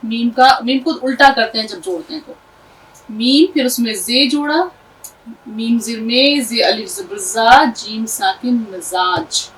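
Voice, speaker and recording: Lady teacher going through letters slowly, quizzing the class, higher voice, sounds a little distant. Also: fairly bright tone. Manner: patient, explanatory, asks the class questions. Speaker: Urdu teacher. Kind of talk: classroom lesson, spelling out letters.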